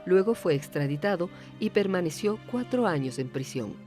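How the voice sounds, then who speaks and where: A woman narrates a documentary. She delivers figures and facts in a measured, even way, with clear music playing behind her. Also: on the low side.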